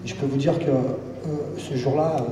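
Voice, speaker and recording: A man's voice: mid-range voice, steady tone, normal speed, warm tone. A man, a boxing coach, speaking informally at a press conference and repeating himself for emphasis. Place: echoey press conference room. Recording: echoey hall, distant mic, faint noise.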